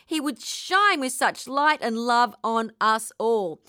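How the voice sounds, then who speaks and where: A woman with an Australian accent giving an earnest, gently enthusiastic spiritual talk. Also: on the high side, expressive, slow pace, no room sound, clean studio sound. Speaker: spiritual teacher.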